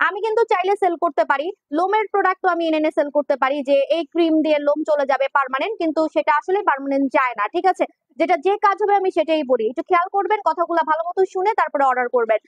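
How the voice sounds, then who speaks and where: This is a woman, hosting a livestream for her skincare shop. She talks fast, playful and teasing, and speaks straight to her viewers. The sound is close and dry from a clip-on mic. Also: extremely high pitch, no room sound. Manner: playful, teasing, chatty, addresses viewers directly. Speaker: online skincare shop owner selling on a livestream. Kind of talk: casual livestream sales talk.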